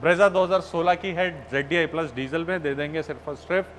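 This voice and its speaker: A man's voice: fairly high pitch, fairly quick, fairly bright tone. A man, a used-car dealer giving a hard-sell list of models and prices with emphatic repeated phrases. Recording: faint ambient background noise.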